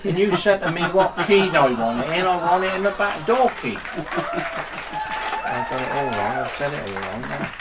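A man's voice: on the high side, wildly swooping pitch, measured pace, long pauses, a loud crowd, very noisy. A man with a Somerset accent playing a cheerful, bumbling rustic farmer in a stage comedy act, rambling folksily and tagging his lines with "see" and "look". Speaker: comic performer. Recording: piano music playing behind.

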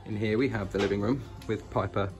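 A British man gives a house tour as a vlogger, walking between rooms of an old house and chatting informally and enthusiastically. His fairly low voice is brisk, with fairly even intonation, and loud music plays behind it. The handheld home recording is noisy.

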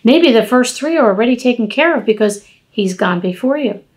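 A woman in her fifties giving an informal devotional talk at home, animated and conversational, speaking to the camera from across a table. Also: on the high side, a little fast. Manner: animated, gesturing, conversational preaching. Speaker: devotional podcast host. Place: home dining room, indoors.

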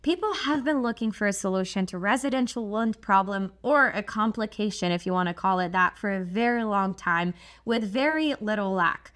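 Talking to camera at a studio desk, a woman in her thirties from Poland, a native Polish speaker, explains solar energy as host of her channel. The studio is dim, with a shelf of glowing props. She has a medium-pitched voice at a moderate pace and a chatty, expressive style, with frequent asides and "like."

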